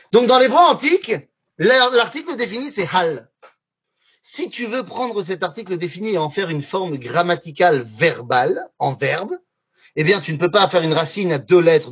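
A man teaching a lively religious lesson on Hebrew words to a class, often asking his students questions. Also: high voice, slightly rough. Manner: animated, asks the class questions. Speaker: Torah teacher.

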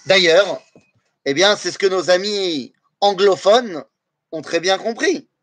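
A man gives a Torah class in a high, animated voice that rises and falls with energy. He quizzes his listeners and weaves Hebrew phrases into his explanation. The recording is dry and close, with no room sound. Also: takes it slowly, no room sound. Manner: lively, asks the audience questions, mixes in Hebrew phrases. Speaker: Torah teacher.

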